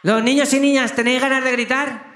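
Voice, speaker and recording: A man's voice: very high-pitched, fairly even intonation, a little fast, a bit bright. A man on stage at a children's concert, playfully coaxing the crowd with questions and jokes. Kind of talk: live concert banter to a crowd of kids. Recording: echoey live stage with music.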